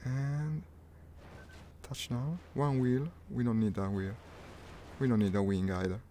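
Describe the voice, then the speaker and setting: A man streams a flight simulator and comments wryly as he plays, half addressing himself. His mid-range voice is dark-toned and flat, never hurried. Noise runs through the stream audio.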